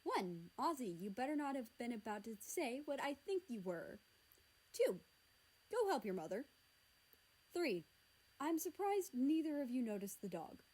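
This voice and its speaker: A woman voicing a calm, polite British father in a read-aloud fan story, gently stern. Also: high voice, unhurried, long pauses, breathy edge, pitched above the performer's own voice, full character voice, rough recording. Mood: mildly stern.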